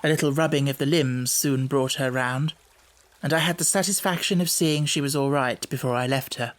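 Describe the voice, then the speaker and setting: An audiobook narrator with a mid-range voice reads literary first-person narration. His storytelling is measured and formal.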